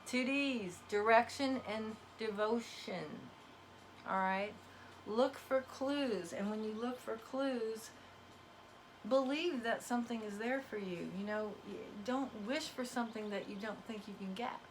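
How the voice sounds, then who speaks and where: There is a little hiss or hum as a woman with a slightly high voice speaks at a measured pace. She's a card reader who is losing her voice, offering viewers a casual, emphatic spiritual pep talk with a folksy, preachy flavor.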